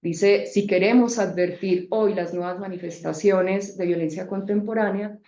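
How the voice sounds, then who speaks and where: A woman speaker answering a question in an academic seminar, measured and explanatory. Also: mid-range voice, steady tone, dark tone. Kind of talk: academic reply in a debate. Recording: echoey room, dull sound.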